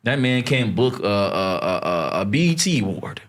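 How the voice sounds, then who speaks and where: A man's voice: fairly low pitch, sing-song, moderate pace. A man hosting a podcast in a studio, chatting casually and teasing his co-hosts, with frequent fillers. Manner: laid-back, teasing, trails off with fillers. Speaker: podcast host. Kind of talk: casual chat.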